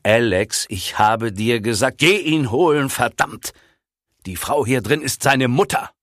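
A man voicing an agitated, angry man at a hospital, talking excitedly in raised bursts. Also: medium pitch, a little slow, dry recording, studio quality, voice pushed up. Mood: furious.

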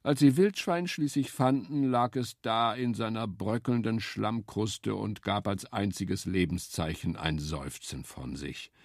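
A man calmly reading a children's animal story aloud in a measured way. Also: fairly low pitch, no echo, studio quality.

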